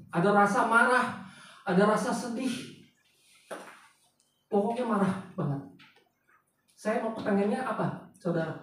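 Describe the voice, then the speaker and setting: A pastor telling a personal story in a sermon, chatting with the congregation and often asking them questions. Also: male voice, high voice, a bit bright. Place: large church hall. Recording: very echoey hall, voice picked up from far off, faint noise.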